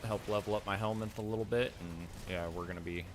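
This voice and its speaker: A man's voice: fairly low pitch, fairly even intonation, fast, background noise. A man streaming a video game, chatting in a laid-back, casual way as he plays. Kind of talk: casual gameplay commentary.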